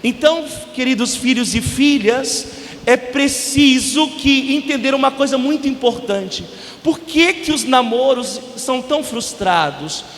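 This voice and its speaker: A male priest with a Brazilian Portuguese accent preaching a sermon in a large church, alternating emphatic loud bursts with soft drops. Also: extremely high pitch, animated, unhurried. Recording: church reverb, faint hiss.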